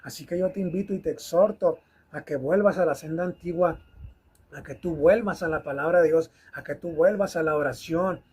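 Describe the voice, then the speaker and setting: A man's voice: fairly high pitch, normal speed, darkish tone, slightly rough. A man preaching a recorded video sermon, fervently exhorting his listeners and repeating phrases for emphasis.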